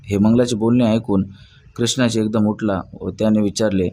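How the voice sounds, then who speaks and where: A man narrating a novel audiobook in a steady, even reading voice. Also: on the low side, moderate pace.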